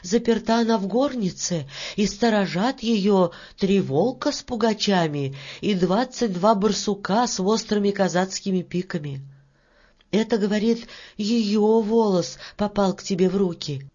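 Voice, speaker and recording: A woman narrating a fairy tale in an expressive storybook reading. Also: medium pitch. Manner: slow, expressive, lilting. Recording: dull lo-fi recording.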